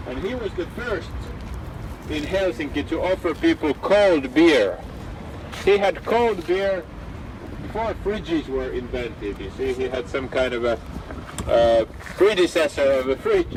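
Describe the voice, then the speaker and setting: A man working as a ghost tour guide, telling stories live to a group in a halting, conversational way. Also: on the high side. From Finland. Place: outdoors on city streets. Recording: windy, noisy outdoor recording from a distance.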